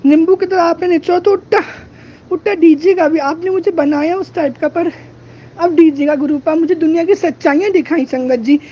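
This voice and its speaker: A man's voice: extremely high pitch, normal speed, warm tone, a little hiss or hum. A young man praying outdoors at night, tearfully and repeatedly begging his guru for help. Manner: begging, repetitive, emotional. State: tearful, near crying. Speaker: devotee. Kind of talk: tearful pleading prayer. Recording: dull lo-fi with faint ambience.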